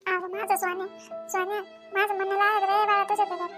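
A woman's voice: very high voice, little pitch movement, brisk, music in the background. A woman voicing a tearful young mother. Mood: remorseful. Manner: pleading, tearful. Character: protective young mother, suspicious then remorseful.

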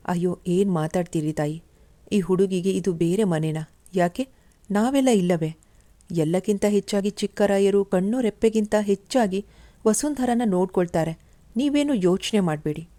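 A woman's voice: medium pitch, normal speed, mellow, no room sound, close to an everyday voice. A woman voicing a kindly old male household cook in a storybook who reassures and advises in a fatherly way. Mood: reassuring.

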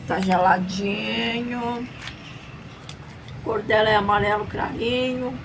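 High-voiced Brazilian woman vlogger, chirpy, noisy background. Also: fairly even intonation, takes it slowly, gravelly. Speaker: video channel host. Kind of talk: product tasting review to camera. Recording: noisy outdoor ambience.

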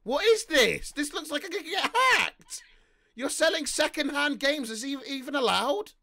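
A man in his twenties hosting a stream, teasing and loud, laughing often in casual banter. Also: very high voice, lively intonation, normal speed, gravelly, no room sound, studio quality. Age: 20s. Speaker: streamer host. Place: small room at home.

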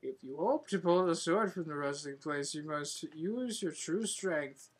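A woman's voice: deep voice, lively intonation, measured pace, slightly rough. A woman giving casual, wry commentary while playing a video game. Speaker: player commentating a game playthrough.

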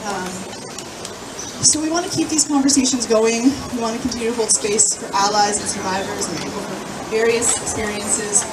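At an outdoor rally in a city square, a young woman organizer gives an earnest public speech, halting now and then with fillers and restarts. Her pitch is fairly high and her intonation fairly even. She speaks into a handheld mic through speakers, filmed from far off, so the PA sound is echoey and distant under loud crowd noise.

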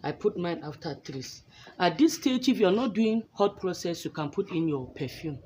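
A woman's voice: fairly low pitch, animated, mellow. A woman giving a casual, chatty step-by-step demonstration in an indoor workspace, filmed on a phone held over her hands. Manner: slow, chatty step-by-step explaining. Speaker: soap-making instructor. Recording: noisy phone recording.

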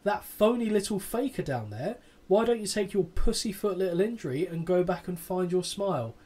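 On a casual podcast, a man in his thirties with a husky voice that sits somewhat high for a man reads a match recap at normal speed. Deadpan throughout, he interrupts himself with sarcastic comments and plenty of swearing.

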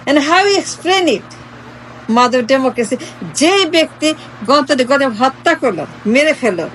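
A woman's voice: high voice, slight background noise, rough recording. A woman from Bangladesh giving an impassioned, sarcastic political monologue, repeating and chanting her phrases. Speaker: political commentator.

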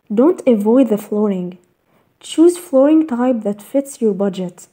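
A woman reading a scripted voice-over in a measured, even list-reading way, narrating step-by-step tips. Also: fairly high pitch, breathy edge. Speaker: narrator of a garden design slideshow.

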